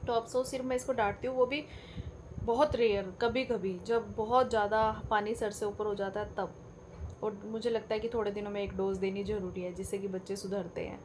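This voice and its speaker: A woman's voice: mid-range voice, fairly even intonation, a little fast, noisy background. A middle-aged woman from India chatting casually to her viewers in a home vlog, talking about her son and cooking in her kitchen. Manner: chatty, addresses viewers directly as "bhai". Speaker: vlogger, mother.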